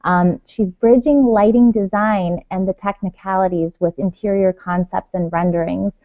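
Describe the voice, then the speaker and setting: A woman's voice: medium pitch, fairly even intonation, normal speed, no room sound, narrow, tinny audio. A woman hosting a podcast, introducing her guest with frequent hesitations and ums. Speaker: show host. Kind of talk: podcast interview.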